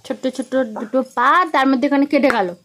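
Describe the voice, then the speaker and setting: High-voiced West Bengal woman cooing. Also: brisk, fairly bright tone. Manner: coos and repeats words playfully to her small daughter. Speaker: vlogger and mother. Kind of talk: casual home vlog chat. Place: village home.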